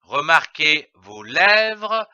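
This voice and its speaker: A man giving a slow, scripted reading lesson for young children, spelling out letters and syllables one by one. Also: fairly high pitch, very animated, sharp tone, clean tone, dry recording, muffled recording. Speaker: reading teacher.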